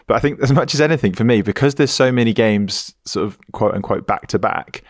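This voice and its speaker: A young man co-hosting a football podcast, talking in a measured, hedging way. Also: mid-range voice, dry recording, clean studio sound. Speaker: podcast co-host. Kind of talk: casual chat.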